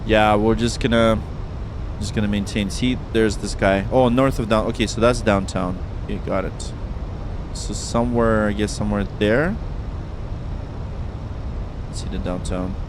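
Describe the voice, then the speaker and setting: Low-voiced man live-streaming over cockpit rumble. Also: steady tone, normal speed, long pauses. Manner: chatty, thinking aloud. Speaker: live streamer and flight sim pilot. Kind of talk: casual live-stream commentary. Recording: noisy, constant cockpit rumble. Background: aircraft cockpit rumble.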